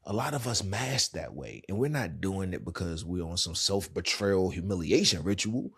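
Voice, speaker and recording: A man's voice: low-pitched, lively intonation, normal speed, gravelly, a bit bright, husky. A man with a Washington DC accent, a podcast host and therapist, talking candidly and casually in a monologue. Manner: candid, conversational, colloquial.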